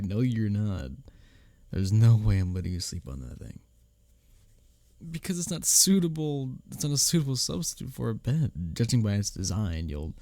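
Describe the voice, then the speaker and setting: Playing a bickering workplace rival with hidden affection, a man delivers a one-sided ASMR roleplay that's intimate, teasing, and sardonic, with chuckles between lines. His voice is low and husky, heavily acted and dark, swinging expressively as he needles you, with care underneath. The recording is dry.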